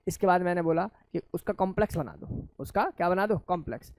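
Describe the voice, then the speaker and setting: Male chemistry teacher, coaxing call-and-response lecture, drops low to answer his own questions, dry close sound. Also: fast, no echo. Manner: asks questions and answers them himself in a lower voice; addresses students affectionately as children. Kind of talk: classroom lecture.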